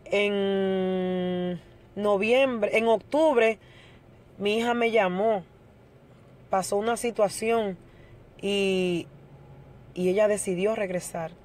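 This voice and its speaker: A woman's voice: medium pitch, steady tone, slow, pauses often, darkish tone. A middle-aged woman giving an earnest testimony to a church congregation and addressing her listeners as brothers.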